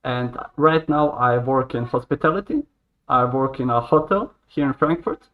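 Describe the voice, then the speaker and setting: A man in his late twenties from Croatia, a podcast guest, talking earnestly in a halting way with many restarts. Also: mid-range voice. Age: 20s. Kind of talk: casual conversation. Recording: dull lo-fi sound.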